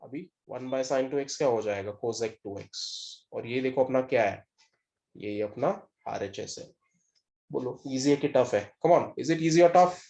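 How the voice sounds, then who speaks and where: Guy teaching math in a classroom, slow and deliberate, keeps asking the class stuff. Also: medium pitch, creaky, mellow, highs cut off. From India. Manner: drills students with repeated questions, mixing English into Hindi. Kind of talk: classroom lecture.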